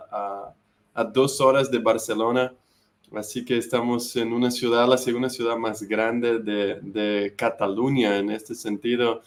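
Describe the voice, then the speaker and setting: A pastor with a Spanish accent from Spain, talking at an ordinary pitch. He speaks gently and hesitantly, stretching out his fillers as he thinks. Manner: hesitant, many drawn-out fillers. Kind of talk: conversational church talk.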